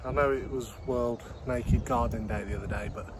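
Brisk and mid-range with fairly even intonation, a man in his thirties films a casual vlog in an outdoor allotment. He rambles, pokes fun at himself and fills gaps with um, speaking into a phone held close while outdoor sounds carry in the background.

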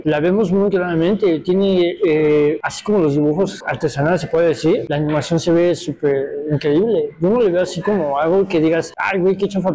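A man's voice: a little high, warm tone, a little hiss or hum, low-quality recording. A man with a Mexican accent hosting a casual chat, leading the talk with enthusiasm. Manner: enthusiastic, leads the conversation. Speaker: host. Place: themed restaurant.

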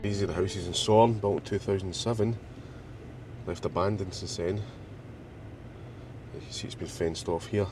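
A man, a regular explorer vlogger, who narrates calmly and then talks in a low-key, matter-of-fact way while walking outdoors. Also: a little slow, pauses often, background noise. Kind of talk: scripted narration and walking commentary. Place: outdoors, village and graveyard. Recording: music behind the voice.

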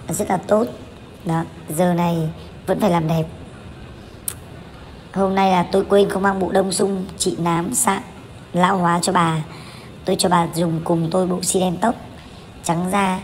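Candid chatty woman, low voice. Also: flat delivery, a little slow, pauses often, darkish tone, a little hiss or hum. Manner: candid, chatty, with frequent fillers and self-corrections. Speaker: vlogger. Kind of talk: voice-over narration of a family vlog.

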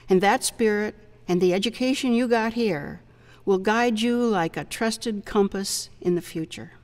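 Woman addressing graduates, steady and formal, reverberant hall sound. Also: medium pitch. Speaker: Board of Governors speaker. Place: indoor hall with banners, at a podium.

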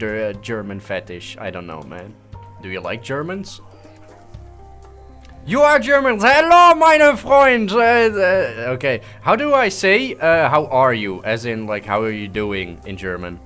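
A man's voice: a little high, fairly bright tone. A young Dutch man with a Dutch accent giving joking, swear-filled game commentary and dropping into English and mock German. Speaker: gaming streamer. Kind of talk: casual gameplay commentary.

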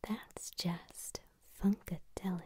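Softly whispering young woman, slow soothing bedside voice. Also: on the low side, steady tone. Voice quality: breathy, soft whisper. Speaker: ASMR host leading vocal warm-ups. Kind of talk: ASMR, whispered role-play as a vocal coach. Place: small room at home, indoors. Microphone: close to the mic, leaning in.

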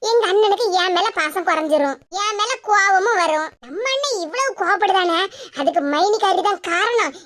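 A woman's voice: extremely high pitch, a bit bright. A woman voicing a talkative young co-mother-in-law who reasons at length, in a cartoon, with a Kanyakumari Tamil accent. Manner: talkative, explains at length, laughing.

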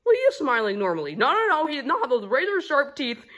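A woman plays a whiny young male Yoshi who begs in a high, swooping voice that climbs even higher when he gets excited. He pleads and whines without pause, lively and restless, in a plush toy comedy video. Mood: alarmed. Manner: whining, begging.

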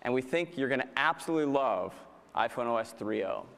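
A man's voice: medium pitch, animated, brisk, creaky, fairly bright tone, clean tone. A man presenting on stage at a product keynote, with a polished, upbeat delivery, speaking into a headset mic. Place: large conference hall stage. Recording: large hall reverb.

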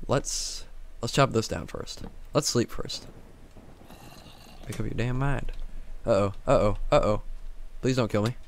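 A man's voice: medium pitch, measured pace, slight background noise. A man casually commenting on his Minecraft game, talking to himself and the mobs, with frequent exclamations. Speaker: gaming YouTuber.

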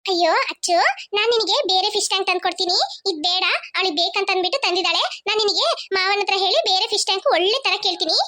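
A performer voicing a gentle cartoon mother who soothes and coaxes quarreling girls. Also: very high-pitched, steady tone, fast talker. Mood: soothing. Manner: soothing, coaxing.

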